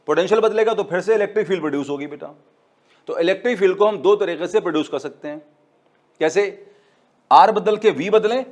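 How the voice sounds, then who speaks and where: Man, physics teacher, high-pitched voice, coaxing and repetitive, quizzes the class and answers for them. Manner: coaxing, repetitive, calls students "beta"; asks questions and answers them himself. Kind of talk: classroom lecture.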